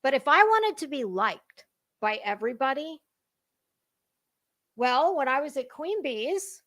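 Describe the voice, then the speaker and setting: In the manner of an online commentator, a woman with a high, fairly bright voice and big swings in pitch delivers a dramatic, casual monologue. She phrases things haltingly and emphatically, with intentional pauses and repeated words.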